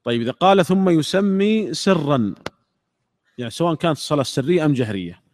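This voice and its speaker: A middle-aged man teaches a classroom lesson on a religious text, repeating key words and pausing for students to reply. His voice is fairly high, and there is no echo.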